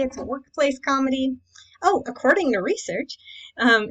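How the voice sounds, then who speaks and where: A woman's voice: a little high, muffled recording. A woman coaching in a casual, chatty presentation, talking informally to her audience with rhetorical questions and frequent check-ins. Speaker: dating coach and class host. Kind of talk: casual instructional presentation to camera.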